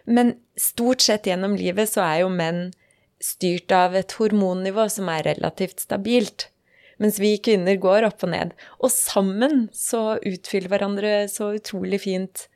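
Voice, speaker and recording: A woman hosting a relaxed podcast conversation, chatty, with personal asides and easy laughs. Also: medium pitch. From Norway. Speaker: podcast host.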